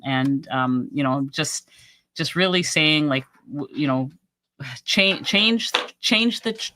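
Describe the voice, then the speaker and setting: Bright, forceful woman hosting a live stream. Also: low voice. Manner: encouraging, with frequent restarts and repeated words. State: losing her voice. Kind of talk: casual live-stream chat, reading viewer comments.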